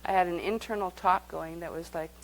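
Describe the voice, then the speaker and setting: A woman's voice: on the low side, fairly even intonation, a little fast, slight background noise, poor audio. A woman leading a live workshop, speaking conversationally and guiding the group through exercises. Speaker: workshop teacher.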